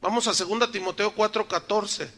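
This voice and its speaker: A man's voice: high voice, fairly even intonation, brisk, fairly bright tone. An older male pastor, preaching in a church in a joking, conversational way, full of rhetorical questions to the congregation, his throat slightly sore. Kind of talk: sermon. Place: church sanctuary.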